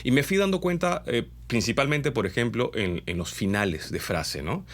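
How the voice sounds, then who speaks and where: Speaking at a moderate pace, a Peruvian voice-over announcer explains things to viewers in an animated, instructional tone, with a mixed Peruvian Spanish accent. His pitch leaps on important points and he often caps them with a tag question.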